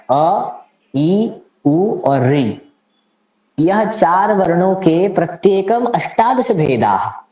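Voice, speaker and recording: A man teaching Sanskrit grammar in a lecture, explaining it step by step and reciting grammar rules with care. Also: fairly high pitch. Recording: echoey, slightly dull room recording.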